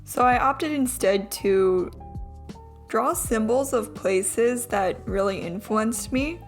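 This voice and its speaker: A young adult woman delivers a casual, chatty, self-deprecating vlog voice-over in a slow voice on the high side, with some trouble pronouncing her R sounds. Background music plays behind her.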